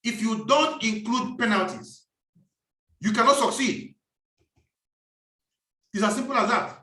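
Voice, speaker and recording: A man's voice: extremely high pitch, measured pace, pushed and bright, recorded from a distance. A man giving a preachy, emphatic business talk and repeating his key phrases. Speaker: business speaker. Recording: echoey room, voice off-mic.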